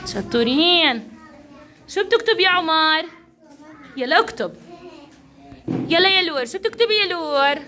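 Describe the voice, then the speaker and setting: A young woman with a Levantine Arabic accent, teaching a class of small children with steady coaxing and praise. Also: very high-pitched, moderate pace, long pauses. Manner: encouraging, coaxing, lots of praise. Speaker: kindergarten teacher.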